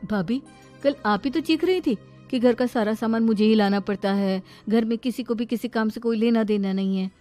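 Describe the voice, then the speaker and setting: A woman's voice: on the high side, moderate pace, dark tone, faint music behind, natural voice. A woman playing an outspoken, earnest young sister in a family story. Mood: indignant. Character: indignant, outspoken young unmarried sister of the household.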